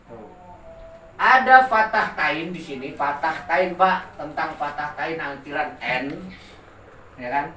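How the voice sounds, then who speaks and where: Adult pupils copy a man with an Indonesian accent as he drags out syllables and repeats words in an informal lesson on tajwid, the rules of Quran recitation. He speaks slowly at fairly high pitch, bright and forceful. Faint ambient noise and echo come through a far-off microphone.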